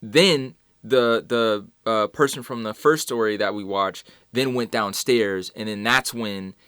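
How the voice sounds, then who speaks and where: A man's voice: fairly low pitch, a little slow, fairly bright tone, clean tone, dry recording, clean studio sound. A man co-hosting a casual film talk show, rambling through his explanations with frequent restarts. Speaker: podcast co-host.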